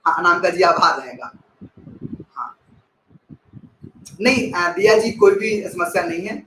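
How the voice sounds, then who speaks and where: A man teaching a live online class, explaining with expressive emphasis, repeating key phrases and thanking viewers by name as he reads the chat. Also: high voice, measured pace, reverberant, a little hiss or hum, low-quality recording.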